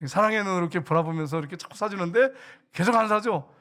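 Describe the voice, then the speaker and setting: A man's voice: sits high, fast, pushed and bright. A male pastor preaching a conversational sermon in a church, often asking the congregation questions and adding humorous asides. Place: church sanctuary.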